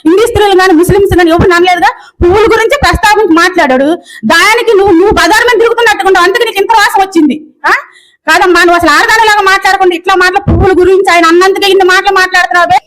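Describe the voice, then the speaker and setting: Woman, very high pitch, rapid-fire angry scolding, rant delivery. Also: steady tone, a bit bright, rough recording. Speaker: video commenter.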